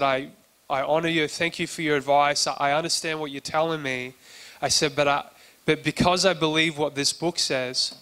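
A man preaching in an easy, chatty sermon voice, bright and crisp in tone. He tells his story with little rise and fall in pitch, acting out the lines he quotes. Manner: conversational, acts out quoted dialogue, frequent restarts. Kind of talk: sermon testimony.

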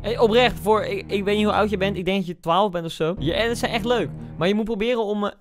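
A young man from the Netherlands giving casual, excitable reaction commentary, often bursting into loud laughs. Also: high-pitched, fast talker, music in the background. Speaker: YouTuber reacting to videos.

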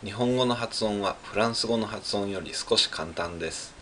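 He's a French learner from Japan, speaking with a Japanese accent as he carefully runs through French sounds one syllable at a time and says them again in Japanese. His voice is on the low side and fairly bright, at a moderate pace. Faint hiss or hum can be heard.

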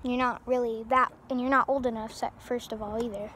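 A woman's voice: on the high side, flat delivery, brisk, fairly bright tone, a little hiss or hum. A teenage girl vlogging casually outdoors on a street into a handheld phone camera, rambling with lots of fillers and restarts. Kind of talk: casual vlog chat.

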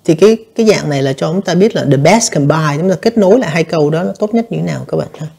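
A man's voice: a little high, animated, racing, creaky, mellow, breathy edge. A man teaching an exam review lesson, explaining answers step by step and often addressing his students directly. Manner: explanatory, addresses students repeatedly, frequent fillers. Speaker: English teacher.

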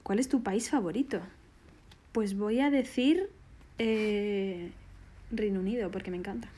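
A woman's voice: medium pitch, a little slow, warm tone. A woman, bubbly and affectionate, casually answering fan questions on a phone live stream. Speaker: singer doing a live stream.

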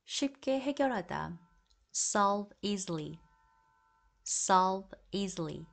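A woman reading an English vocabulary drill as a teacher, saying each phrase twice in a slow, deliberate way. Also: medium pitch, lively intonation, creaky.

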